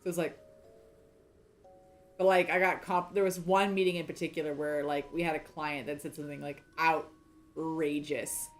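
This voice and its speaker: A woman in her thirties with a somewhat low voice chatting through a game playthrough. She rambles and pokes fun at herself, trailing off and restarting often. Soft music plays faintly behind her. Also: little pitch movement, fairly quick, pauses often. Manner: rambling and self-deprecating, many fillers and restarts. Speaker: game streamer. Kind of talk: casual chat during a game playthrough.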